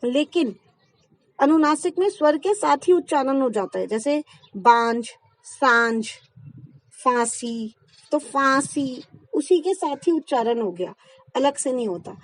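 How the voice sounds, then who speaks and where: High-voiced woman teaching grammar. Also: animated, moderate pace, no room sound. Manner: patient, explains step by step with examples and checks "ठीक". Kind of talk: Hindi grammar lesson.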